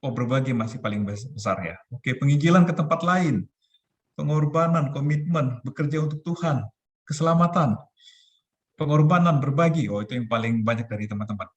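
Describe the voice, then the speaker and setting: A man's voice: mid-range voice, fairly quick. Chatty man speaking on a video call. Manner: relaxed, chatty, laughs often. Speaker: youth ministry speaker. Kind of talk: casual talk on a video call.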